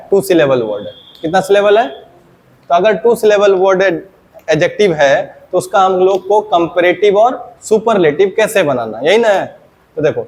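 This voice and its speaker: A man teaching English grammar in a classroom lesson. He often asks a question, answers it himself in a lower voice, and checks whether the class has understood. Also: a little mellow, slight background noise. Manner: asks questions then answers them himself, dropping low on the answers.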